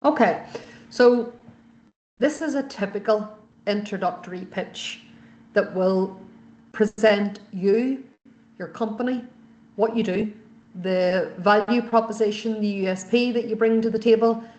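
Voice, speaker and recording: A woman's voice: mid-range voice, a little slow, a little mellow, dull audio. Reassuring woman coach in an echoey room. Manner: reassuring, emphatic, repeats key phrases. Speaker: sales pitch trainer. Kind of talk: explanatory coaching talk. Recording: roomy, echoey sound.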